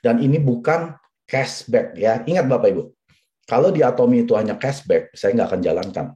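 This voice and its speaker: A man's voice: mid-range voice, lively intonation, fairly quick, dark tone, muffled recording. A man in his forties giving a persuasive seminar talk, addressing the audience directly and repeating his key points. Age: 40s. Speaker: business presenter.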